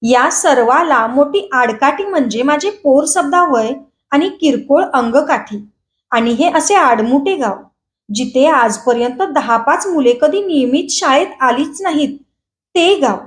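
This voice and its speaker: A woman calmly reading a novel aloud at a measured pace, after a short channel introduction. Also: high-pitched. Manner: calm, measured storytelling. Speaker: audiobook reader. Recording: echoey room.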